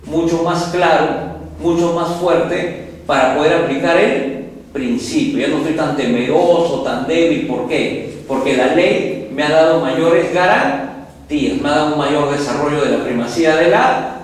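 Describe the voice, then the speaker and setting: A man from Peru teaching a law class, emphatic and animated, often checking that students follow. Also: on the high side, unhurried. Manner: emphatic, animated, asks listeners if they follow. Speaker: law lecturer. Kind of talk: classroom lecture. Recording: very echoey classroom, voice far from mic, faint noise.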